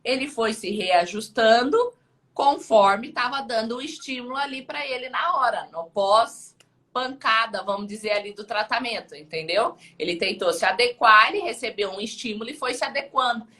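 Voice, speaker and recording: A woman's voice: a little high, normal speed, pushed and bright. A woman audiologist talking casually as an interview guest, chatty and peppering her sentences with little check-in tags.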